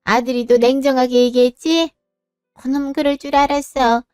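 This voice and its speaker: A woman playing a brisk, caring older mother-in-law in a spoken story, firm and scolding yet reassuring. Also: high voice, fairly even intonation, darkish tone, clear, resonant tone, no room sound, studio quality, soft background music, natural voice.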